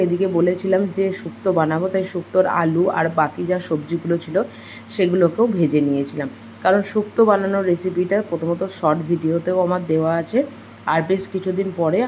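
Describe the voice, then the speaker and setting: A woman's voice: fairly low pitch, steady tone, fast talker, darkish tone, a little hiss or hum, low-quality recording. A young woman with a Bengali accent, narrating her daily homemaking vlog in a chatty, rambling way full of fillers. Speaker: homemaker vlogger.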